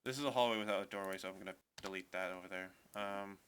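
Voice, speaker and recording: A man narrating as game master in a tabletop game, loose and halting with many fillers. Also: low-pitched, steady tone, fairly bright tone, slight background noise.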